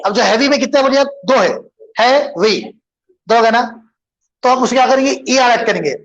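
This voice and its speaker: A man's voice: very high-pitched, fast, fairly bright tone, dull audio, a little hiss or hum. A man teaching an English grammar lesson, switching between English and Hindustani and answering his own questions as he goes. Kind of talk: bilingual classroom lesson.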